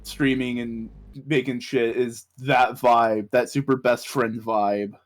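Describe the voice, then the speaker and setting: A man's voice: medium pitch, flat delivery, takes it slowly. A man chatting on a gaming stream, rambling, stammering and swearing casually. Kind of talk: casual chat while gaming.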